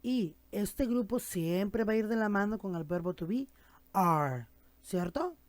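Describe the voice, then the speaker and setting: Slow, patient woman teaching a class. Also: medium pitch, expressive, dry recording. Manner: slow, patient, repeats each phrase for students; checks understanding with frequent tag questions. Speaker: English teacher. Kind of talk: classroom language lesson.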